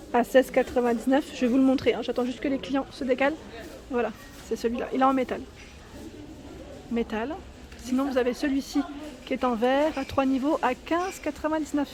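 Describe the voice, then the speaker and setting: A woman's voice: high-pitched, steady tone, a little fast, darkish tone. A woman filming a casual shopping vlog inside a large store, chatting to viewers about products and prices on a handheld phone and often tagging "hein" onto her sentences. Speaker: vlogger showing store products.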